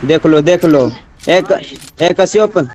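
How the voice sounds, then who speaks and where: A man's voice: a little high, slow pace, darkish tone, slight background noise. A man giving live commentary on his game, exclaiming and pleading with other players, often repeating himself. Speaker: gamer streaming his match.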